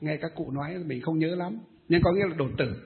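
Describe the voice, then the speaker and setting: A man's voice: fairly high pitch, fairly quick. A male Buddhist monk giving a dharma talk and telling a story with many hesitant fillers. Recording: tinny phone-like sound.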